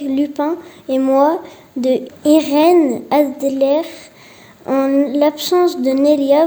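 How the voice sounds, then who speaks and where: A woman presenter giving slow, careful, formal introductions between readings. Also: sits high, warm tone.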